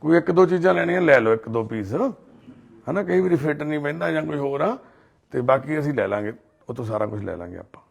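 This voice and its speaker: A man, a charity volunteer speaking gently and reverently in a home as he makes an appeal and reassures an elderly couple. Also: on the high side, expressive, fast, gravelly. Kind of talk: on-the-spot appeal and consoling talk. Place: indoors at a family home.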